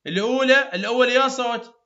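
A man with an Iraqi Arabic accent teaching English phonetics in a classroom. He repeats sounds slowly and praises his students often. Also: very high-pitched, sharp tone, muffled recording. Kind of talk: classroom pronunciation drill.

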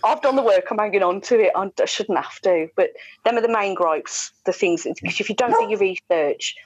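A mid-range, slightly breathy voice belongs to a British woman in her forties, a radio presenter interviewed on a video call from a room at home. Speaking a little fast through a wired earphone headset, she's candid, chatty and emphatic, with mimicked asides. The sound lacks room tone and the highs are cut off.

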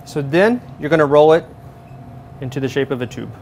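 Chef in his thirties, slightly high voice, walks through a recipe step by step, lapel mic in a large kitchen. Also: brisk, slight background noise. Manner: steady step-by-step instruction. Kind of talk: cooking demonstration. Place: large professional kitchen, indoors.

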